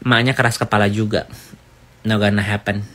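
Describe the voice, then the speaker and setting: A man's voice: lowish voice, little pitch movement, a little fast, a bit bright. A man giving casual, rambling gossip commentary in a chatty way.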